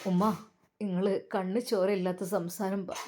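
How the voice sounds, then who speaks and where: A woman's voice: medium pitch, level tone, normal speed, dark tone, lightly acted. A woman voicing an upset young husband pleading with his mother.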